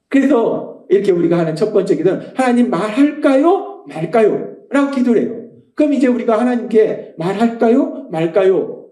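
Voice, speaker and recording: A middle-aged male pastor preaches with a high, lively, swooping voice. His tone is mellow rather than bright, emphatic and passionate, with hushed quoted asides. The sound rings through a roomy church sanctuary. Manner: emphatic, swings between rising passion and hushed quoting. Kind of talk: sermon. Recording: echoey church hall.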